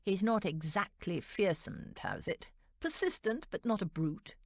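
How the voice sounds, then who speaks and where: A woman's voice: mid-range voice, expressive, a little slow, dry recording. A woman narrator voicing an arrogant duke with a dry, disdainful drawl in a romance audiobook. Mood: disdainful, smug.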